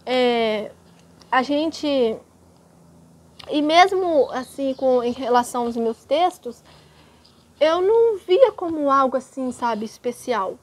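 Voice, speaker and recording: A young woman tells her personal testimony in a vlog, hesitant, pausing and restarting her sentences. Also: high voice, animated. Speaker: vlogger sharing testimony.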